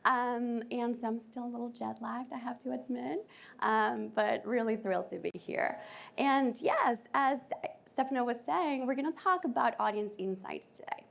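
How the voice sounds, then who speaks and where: A woman from Colombia with a Colombian Spanish accent, giving a lively conference talk to an audience. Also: on the high side, moderate pace, creaky. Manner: lively, audience-engaging presenter. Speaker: conference speaker.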